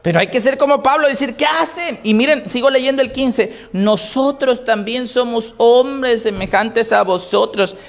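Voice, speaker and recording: A man preaching a sermon, asking the congregation questions and answering them, moving between loud emphatic scripture reading and low, quiet asides. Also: normal speed, creaky, few pauses. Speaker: pastor.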